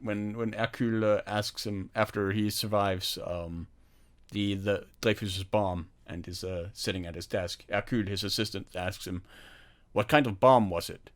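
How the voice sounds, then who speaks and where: A man hosting a film podcast, retelling movie scenes in casual chat with animated energy and frequent laughter. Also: on the low side, moderate pace. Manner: animated storytelling, laughs often. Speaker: podcast host.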